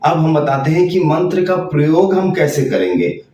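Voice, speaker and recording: A man giving a spiritual lesson, explaining slowly and over again and demonstrating chanted sounds. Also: a little high, big pitch swings, dark tone, recorded from a distance, highs cut off. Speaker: tantra teacher. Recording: very echoey room, voice off-mic.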